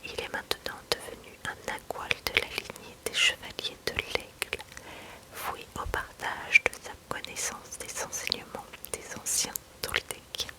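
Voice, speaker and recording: Lady doing asmr book talk in a hushed library whisper, really slow and soft, chatty. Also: rough recording. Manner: unhurried, chatty delivery mixed with reading aloud. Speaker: ASMR host presenting self-help books.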